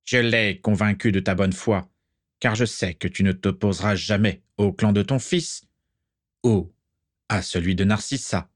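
A man's voice: lowish voice, measured pace, dry recording, clean studio sound, close to an everyday voice. A man reading aloud and voicing a stern, proud old aristocratic wizard who speaks in curt, cold sentences, in an audiobook-style story reading. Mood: haughty, cold. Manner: curt, haughty.

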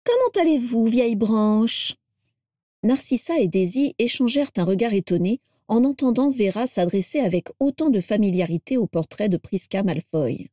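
Mellow-voiced woman reading a story. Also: mid-range voice, moderate pace, few pauses, dry recording, clean studio sound. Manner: steady, expressive reading. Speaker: narrator. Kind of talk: audiobook narration.

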